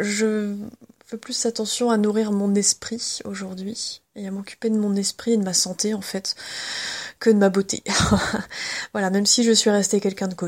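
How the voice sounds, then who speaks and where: Chatty woman rambling on a podcast. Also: medium pitch. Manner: chatty, hesitant, many fillers and soft laughs. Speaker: podcast host. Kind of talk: unscripted casual podcast chat. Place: walking around her home.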